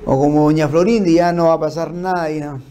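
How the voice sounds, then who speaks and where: A man giving an informal law lecture, explaining through lists and examples and checking in with his listeners with quick tag questions. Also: fairly high pitch, fairly even intonation, dark tone. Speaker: criminal law instructor. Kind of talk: informal lecture on forensic principles.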